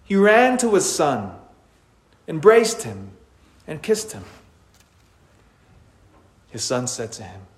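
A priest reading the Gospel at Mass in a measured, unhurried way, heard with a cathedral echo in a large church. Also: male voice, fairly high pitch, wildly swooping pitch. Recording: roomy church reverb.

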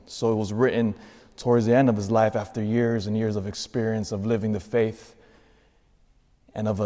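A man preaching as a priest, with solemn, deliberate phrasing, his voice ringing in the cathedral echo of a large church. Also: lowish voice, a little mellow. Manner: solemn, deliberate, phrase-by-phrase delivery with rhetorical questions. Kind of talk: Gospel reading and sermon.

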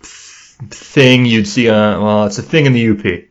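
A man's voice: fairly low pitch, unhurried. A young man from Michigan's Upper Peninsula with a Yooper accent, chatting casually and rambling as a podcast host. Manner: chatty, rambling, laughs easily. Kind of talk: casual chat, quizzing co-host. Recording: dull lo-fi podcast audio.

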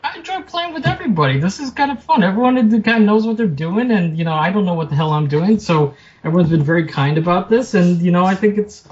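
On dull, lo-fi remote audio, a male writer guesting on a podcast talks fast in a high, darkish, animated voice. The casual interview finds him rambling and hesitant, full of fillers and quick to laugh.

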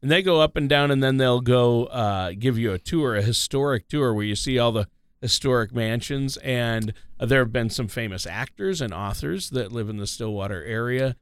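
An easygoing man co-hosts a financial talk show, agreeing often and filling pauses with uh. His voice is smooth and clear at an average pitch. The sound is dry and close, with no room echo. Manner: easygoing, agreeing, with frequent uh fillers. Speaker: co-host. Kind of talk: casual radio talk show chat.

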